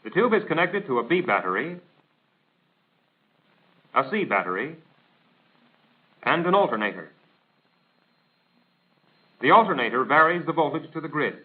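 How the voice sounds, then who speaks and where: A slightly high-pitched American man narrates at a moderate pace, pausing often, with big swings in pitch. He reads a scripted instructional text in a formal, precise, didactic way, like a 1940s military training film. The audio is tinny and band-limited, as on a 1940s film soundtrack.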